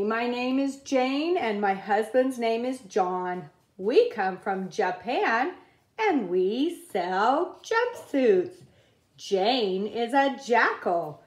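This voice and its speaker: A woman reading a children's picture book aloud at a table, in a slow, careful read-aloud cadence. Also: fairly high pitch, roomy sound. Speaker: reader. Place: indoors at a wooden table.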